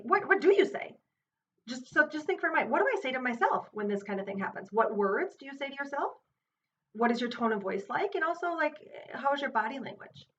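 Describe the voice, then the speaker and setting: A woman teaching self-compassion, guiding an exercise in a gentle, unhurried way and thinking aloud with fillers and restarts. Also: high-pitched. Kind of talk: guided exercise with her child. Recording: distant, muffled mic with faint hiss.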